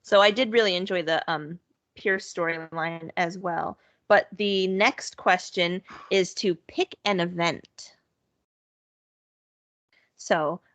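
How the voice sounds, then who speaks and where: A woman's voice: fairly low pitch, fairly bright tone, dry recording. A woman co-hosting a podcast in casual chat, talking loosely with lots of fillers and easy laughter. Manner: chatty, laughs easily, many "sort of" and "like" fillers. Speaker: podcast co-host. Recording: dull, lo-fi podcast audio.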